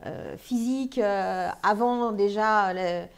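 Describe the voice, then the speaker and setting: A woman's voice: medium pitch, takes it slowly, smooth. Casual woman talk show guest. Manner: casual, filler-heavy. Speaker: studio guest.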